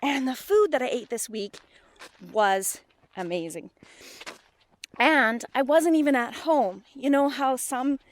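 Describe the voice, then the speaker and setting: A middle-aged woman talks slowly with long pauses, her animated voice sitting high. In a casual, rambling personal vlog she candidly and emphatically questions herself, recording on a handheld phone at arm's length.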